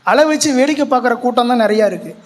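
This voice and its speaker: A man with a Tamil Nadu Tamil accent preaches to his congregation in a large church hall. His voice sits high for a man, and he tells his story earnestly, repeating lines and asking rhetorical questions. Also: expressive, fast talker. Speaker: pastor. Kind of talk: sermon.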